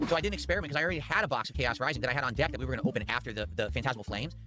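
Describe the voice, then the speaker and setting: A man's voice: medium pitch, racing, music in the background. A man chatting casually on a live game stream, thinking aloud and addressing his viewers.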